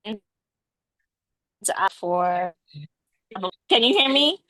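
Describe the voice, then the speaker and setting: A woman joining a meeting remotely over choppy, breaking-up call audio, talking haltingly and checking whether she can be heard. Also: mid-range voice, sing-song, bright, forceful tone, no room sound, low-quality recording. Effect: choppy, breaking-up online call audio. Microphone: video call.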